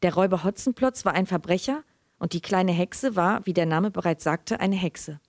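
A middle-aged woman giving a measured literary reading, then answering questions in a loose, chatty way. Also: mid-range voice, a little mellow, no echo, studio quality.

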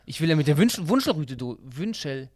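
A man's voice: fairly high pitch, very animated, a little fast, a little mellow, no room sound. Rambling chatty man, dry mic. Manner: rambling, many restarts and fillers. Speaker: podcast co-host. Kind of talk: casual bickering chat.

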